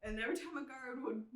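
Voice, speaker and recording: A woman's voice: sits high, reverberant, recorded from a distance. A woman guest on a podcast, casually telling a tabletop game story and laughing often.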